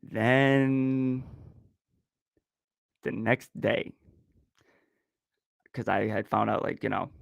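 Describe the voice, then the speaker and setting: A man's voice: medium pitch, steady tone, extremely slow, gravelly, pauses often, no room sound. A man telling a personal story in casual chat, swearing constantly and laughing between sentences. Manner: profane, rambling, laughs often. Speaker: podcast host.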